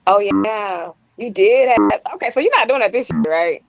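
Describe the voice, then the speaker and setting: A woman's voice: mid-range voice, expressive, normal speed, vocal fry, no echo. Playful, teasing woman. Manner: laughs often, teasing and playful. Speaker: guest. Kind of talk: casual interview chat.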